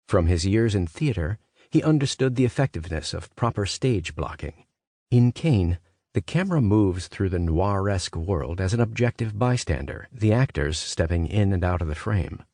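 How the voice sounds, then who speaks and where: A man's voice: fairly low pitch, darkish tone, no echo, clean studio sound. A man reading a scripted nonfiction audiobook as its narrator.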